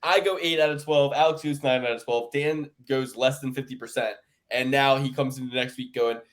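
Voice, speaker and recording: A man's voice: mid-range voice, a little fast. A man riffing on a casual sports picks podcast. He rants with energy and drops into mocking impressions of the other hosts. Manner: animated ranting with mocking put-on quotes. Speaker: podcast co-host. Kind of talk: casual sports-betting chat.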